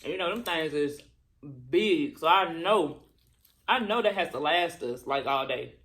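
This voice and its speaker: A woman chatting casually and colloquially to viewers during a mukbang, chewing as she talks and pausing between bites. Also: sits low, expressive, fairly bright tone. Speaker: mukbang vlogger. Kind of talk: casual chat to viewers while eating.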